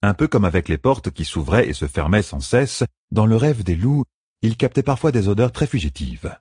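A male narrator reads a fantasy novel in a low, very husky voice. His pitch moves in a lively, expressive way. The recording is dry and close. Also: moderate pace, dry recording. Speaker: audiobook narrator.

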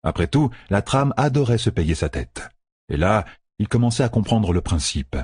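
A man narrating a story in a measured, dramatic way. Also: on the low side, big pitch swings, a little mellow, slightly rough, no echo. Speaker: audiobook narrator. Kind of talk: scripted narration. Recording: dry close recording.

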